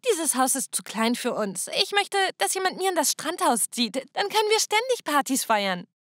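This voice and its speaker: A spoiled, bossy teenage girl in an animated storytime video, put on by a woman narrator. Her voice sits high and bright, with clipped, clear, dry delivery. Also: normal speed, no echo. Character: spoiled teenage girl, scheming twin sister.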